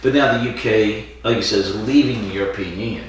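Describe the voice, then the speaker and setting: A man's voice: on the low side, quick pace. A man of fifty co-hosting a podcast, chatting casually and lecturing with strong opinions. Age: 50s. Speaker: podcast co-host. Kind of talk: casual chat. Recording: echoey room, mic at a distance, faint noise.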